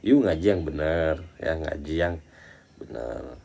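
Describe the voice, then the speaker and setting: A man gives a casual Islamic study talk, teasing and chatting with his listeners like friends and swinging between loud, emphatic lines and quiet, muttered asides. His voice is extremely low and expressive, with vocal fry and a breathy edge, at a measured pace.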